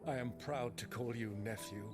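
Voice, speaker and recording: An actor playing a genial, flamboyant older uncle in a video game, speaking with florid, grand courtesy. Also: male voice, medium pitch, normal speed, natural voice. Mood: fond, jovial. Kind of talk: video game cutscene acting. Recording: game music behind the voice.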